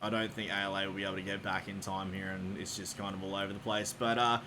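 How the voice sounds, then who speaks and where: An esports caster chats casually after a match, rambling with plenty of fillers, relaxed and laughing. His voice is low-pitched and quick, with slight background noise.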